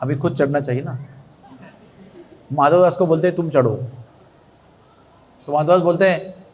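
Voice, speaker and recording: Male religious storyteller, fairly high voice, animated with conversational asides. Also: normal speed. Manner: animated, chatty asides to listeners. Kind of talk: devotional story sermon.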